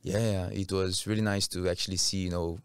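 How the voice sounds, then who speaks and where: Recorded dry and close on a boom-mounted studio mic in a small curtained podcast studio, this Rio-born man in his thirties talks casually as a guest in a Brazilian accent. His voice sits low with a clean tone, and he moves briskly with a flat delivery.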